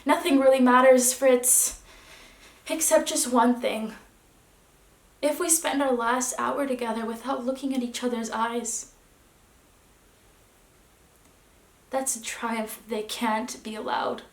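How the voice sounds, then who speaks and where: Dignified departing wife, played by a woman, stage monologue, higher voice, restrained delivery, roomy echo. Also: fairly even intonation, unhurried. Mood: firm. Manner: restrained, dropping to hushed tones, then rising. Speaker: actor. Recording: echoey room.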